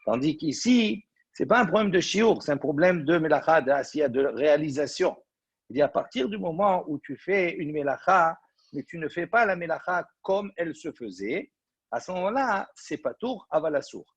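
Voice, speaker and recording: A rabbi teaches a Talmud class in a gravelly, husky voice that sits a little high for a man. He reads Aramaic phrases slowly, then explains them step by step. The sound is dry and dull, like a lo-fi recording. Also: expressive, dry recording.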